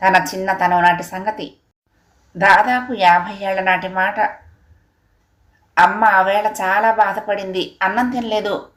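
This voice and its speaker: A woman's voice: medium pitch, fairly even intonation, a little slow, pauses often, a bit bright. Woman narrating a family audiobook story.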